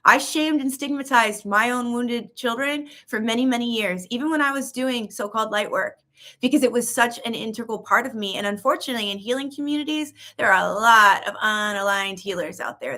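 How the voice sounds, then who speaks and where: A woman's voice: on the high side, a little fast, pushed and bright. A woman spiritual healer hosting a casual live session, effusive and earnest, repeating words for emphasis. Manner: earnest, uplifting. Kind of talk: casual live-stream talk to viewers.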